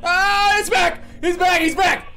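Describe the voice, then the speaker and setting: A man's voice: extremely high pitch, fairly even intonation, a little slow, over music. A man in his thirties screaming in fear as he reacts to a horror game on a live stream. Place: small room at home, indoors.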